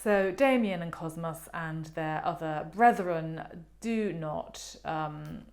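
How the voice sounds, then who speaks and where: Brief: middle-aged woman, casual art talk presenter, lowish voice, rambling and playful. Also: slow, a little mellow. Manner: chatty and meandering, with many ums and playful asides.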